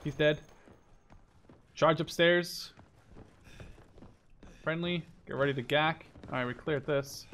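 A man in his twenties hosts a gameplay video, speaking slowly on the high side with a steady tone, a slightly bright quality and frequent pauses. His live commentary is casual and rambling, with frequent self-corrections and offhand swearing. There's a little hiss or hum, plus game gunfire, machine guns and clicks behind him.

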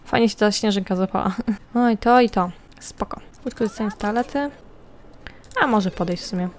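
A woman's voice: mid-range voice, moderate pace. A woman giving casual commentary over a life-simulation game, chatting to her characters and to viewers. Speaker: gameplay commentator. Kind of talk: casual let's-play commentary.

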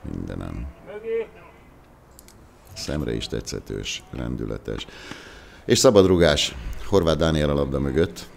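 Casting: bass-voiced male local football commentator, unhurried and reflective. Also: vocal fry, darkish tone, slight background noise.

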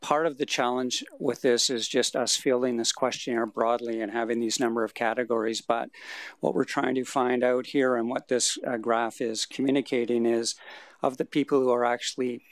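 A man presenting survey results at a city council meeting, answering questions in a measured, explanatory way through the chair. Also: mid-range voice, flat delivery, dry recording. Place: council chamber. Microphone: desk microphone.

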